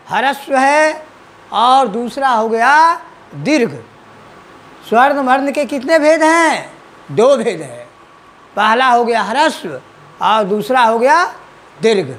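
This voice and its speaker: A man's voice: extremely high pitch, sing-song, slow pace, long pauses, a bit bright. A male school teacher giving an online grammar lesson, repeating his own questions and answers for students.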